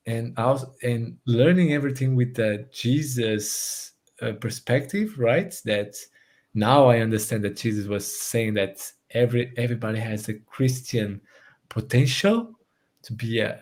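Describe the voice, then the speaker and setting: With a medium-pitched, darkish voice, a podcast guest speaks in earnest, casual conversation. Born in Brazil but raised in Portugal, he's a native Portuguese speaker with a Portuguese accent, and he often restarts phrases as he hunts for the right English word.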